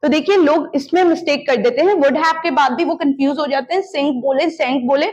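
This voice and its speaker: A woman teaching an English grammar lesson, coaxing her students and drilling word forms in slow, repeated chants. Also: sits high, a little mellow, highs cut off. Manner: coaxing, checks in with "clear?".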